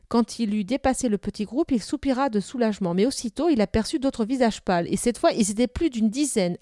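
A woman narrating a children's novel aloud in a clear, even storytelling manner. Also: a little high, dry recording, clean studio sound.

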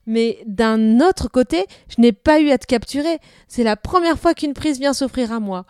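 A woman voicing an eager young boy in a storybook reading, talking loudly and brightly. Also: high-pitched, moderate pace, clean tone, no echo, studio quality, lightly acted. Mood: excited.

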